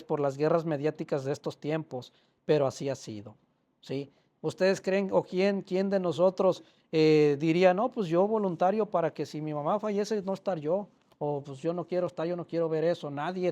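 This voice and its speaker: Older man, slightly high voice, author sharing heartfelt stories with a live audience. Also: darkish tone. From Mexico. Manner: emotional, plainspoken storytelling with quoted dialogue. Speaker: author presenting his book. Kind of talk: personal storytelling to an audience. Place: public library hall.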